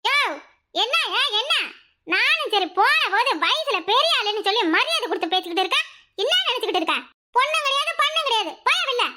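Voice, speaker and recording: A woman voicing a sharp-tongued, quarrelsome village housewife in a cartoon, with a Kanyakumari Tamil accent and a rapid, scolding manner. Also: very high voice, animated, slight background noise, exaggerated voice. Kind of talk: cartoon voice acting.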